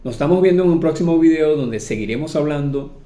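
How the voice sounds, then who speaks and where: A man whose first language is Spanish gives a video lesson as an English teacher, with a mellow, dark tone. He slows right down to model each English example phrase. His voice rings in an echoey room. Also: fairly high pitch, animated.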